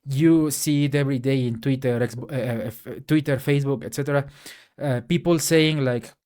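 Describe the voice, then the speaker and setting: A Mexican man whose first language is Spanish, speaking with a Mexican accent, delivers a casual and hesitant solo rant to camera, full of fillers and restarts. His voice sits at a medium pitch, moves at a normal speed, and sounds a little mellow. He's a tech YouTuber.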